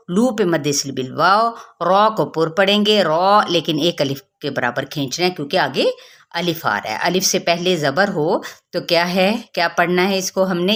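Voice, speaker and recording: Female recitation teacher with an unhurried, deliberate delivery who poses a question and then answers it herself. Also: on the low side, a bit bright. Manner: explains pronunciation rules step by step, asking and answering her own questions. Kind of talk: tajweed lesson with slow chanted recitation.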